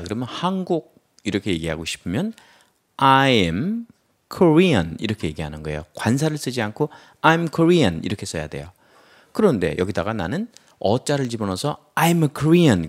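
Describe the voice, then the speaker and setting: A man with a lowish voice gives a vocabulary lesson, his pitch swinging widely as he explains word roots. He acts out little example sentences and offers playful memory tricks. His delivery stays animated and teacherly. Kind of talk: lively vocabulary lecture.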